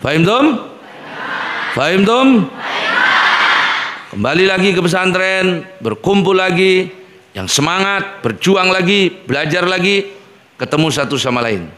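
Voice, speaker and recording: Man, middle-aged, school head giving students stern, repetitive advice, higher-pitched voice. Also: animated, normal speed, fairly bright tone, slight background noise. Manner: firm, repetitive admonishing with frequent "ya". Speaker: head of an Islamic boarding school.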